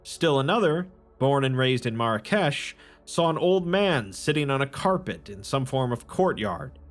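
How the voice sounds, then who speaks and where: A man giving scripted, measured narration of a strange tale. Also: medium pitch, lively intonation. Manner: measured, descriptive storytelling. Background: faint music.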